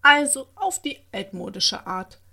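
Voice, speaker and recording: A tiny, impatient spring fairy from a children's bedtime storybook, speaking in a raised, plaintive voice, as the woman reading the tale puts her on. Her tone sits noticeably higher than the narration around her. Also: very animated, unhurried, creaky, bright, forceful tone, heavily acted. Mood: determined. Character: small impatient young female spring fairy.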